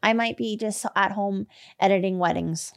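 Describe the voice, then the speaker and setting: A woman's voice: medium pitch, normal speed, creaky. A woman chatting casually as co-host of a true crime podcast. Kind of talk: casual chat.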